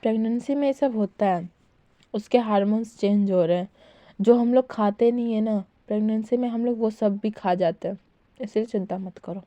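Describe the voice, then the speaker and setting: A woman voicing a calm, caring older brother who reassures softly. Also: mid-range voice, moderate pace, dry recording, close to an everyday voice. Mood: soothing. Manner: soothing, reassuring.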